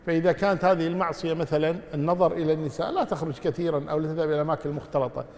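A male Islamic scholar takes listeners' questions, his replies measured and full of pious formulas. He talks at a quick clip in a fairly high voice. A long hall reverb trails after him. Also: a little mellow. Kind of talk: religious Q&A lesson.

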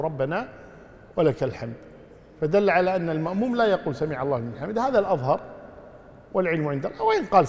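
Fast-talking male scholar in a reverberant hall. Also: on the high side, darkish tone. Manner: measured, full of pious formulas. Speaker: Islamic scholar answering questions. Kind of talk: religious Q&A lesson.

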